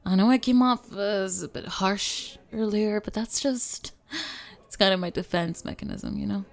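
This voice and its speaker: A woman's voice: medium pitch, normal speed, natural voice. A woman playing a tough, guarded young woman who awkwardly lets her guard down in a scripted ASMR dating role-play, hesitant and casual. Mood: awkward, softened.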